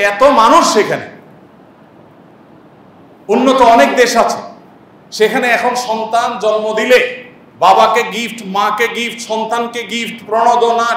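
A man's voice: extremely high pitch, fairly bright tone, very echoey, distant mic. A man preaching a sermon with impassioned rhetorical questions and repeated lists. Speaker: Islamic preacher. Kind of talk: sermon-style lecture.

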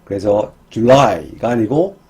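Slow, husky-voiced male English teacher. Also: on the low side, lively intonation, warm tone. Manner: drills English words slowly, one at a time. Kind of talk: slow, careful teaching for beginners.

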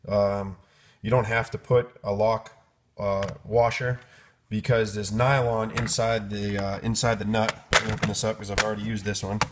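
Rambling low-voiced man in a garage. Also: little pitch movement, moderate pace, heavy background noise. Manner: rambling, lots of ums and restarts. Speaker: garage vlogger showing hardware kits. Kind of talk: casual off-the-cuff product walkthrough. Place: garage workshop indoors. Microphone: handheld phone camera, speaker off-screen.

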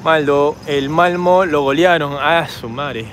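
Hoarse Peruvian man vlogging outdoors. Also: fairly high pitch, takes it slowly, fairly bright tone, slight background noise. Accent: Peruvian Spanish. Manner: chatty, rambling, talks straight to camera while walking. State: hoarse from shouting. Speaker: travel vlogger. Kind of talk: casual walking vlog. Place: city park and streets at night, outdoors. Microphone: handheld camera.

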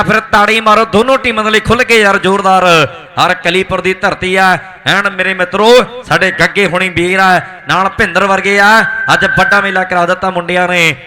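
Male kabaddi commentator, Malwai Punjabi accent. Very sharp, forceful high voice, rhythmic excited hype delivered on a narrow, even pitch. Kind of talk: live sports commentary. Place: outdoor village tournament ground.

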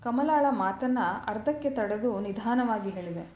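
A woman from southern India narrating a short story in the first person, calm and measured. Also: a little high, roomy sound.

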